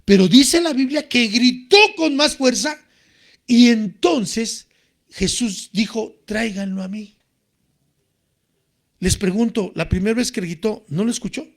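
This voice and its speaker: High-voiced preacher, animated. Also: male voice, a little slow. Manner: animated, rises to shouting when quoting cries. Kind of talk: sermon.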